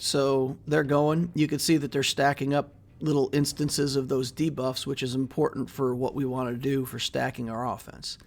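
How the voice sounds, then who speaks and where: A middle-aged man who hosts a mobile game channel gives easygoing, rambling commentary on his game progress, walking through it steadily while often pausing on fillers and trailing off. His voice is a bit high with a gravelly edge, recorded at his desk in a small room.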